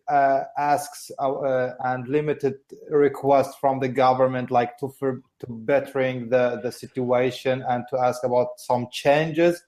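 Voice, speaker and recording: A Syrian man speaks English, his second language, with a Kurdish first tongue behind it. His voice is dark and mellow. He talks haltingly, full of fillers and restarts, as an interview guest. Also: medium pitch. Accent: Syrian Arabic. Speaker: guest journalist. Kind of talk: interview answers.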